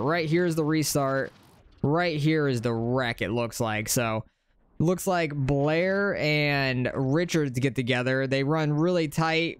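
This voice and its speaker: A young man casually commentating his own racing game, excitable and rambling. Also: a little high, smooth. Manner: chatty, excitable, rambling with fillers. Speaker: gaming channel host.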